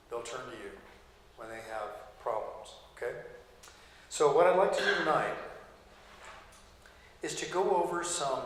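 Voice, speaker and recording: A middle-aged man teaching a Bible college class in a relaxed, conversational way, often checking in with "okay?". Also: medium pitch, slight background noise. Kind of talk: classroom lecture. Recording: echoey classroom with long reverb.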